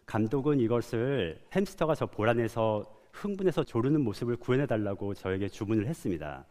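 A man's voice: medium pitch, dark tone. A man from South Korea giving a prepared public talk as an animator. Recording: long hall reverb.

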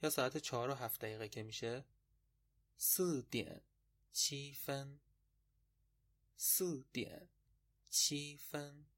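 Male podcast tutor, mid-pitched, patient explainer, slows down for repeats. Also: fairly bright tone. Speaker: Chinese language teacher. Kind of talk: podcast language lesson.

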